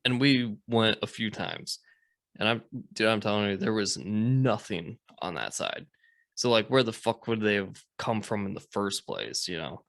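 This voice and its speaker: A slightly low-voiced man from the United States chats casually on his podcast, telling a story in a loose, rambling way. He swears a lot and leans on fillers like "like" and "you know". The sound is close and dry. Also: lively intonation, measured pace, creaky, fairly bright tone, no room sound. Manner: rambling, profane, lots of fillers. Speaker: podcast host.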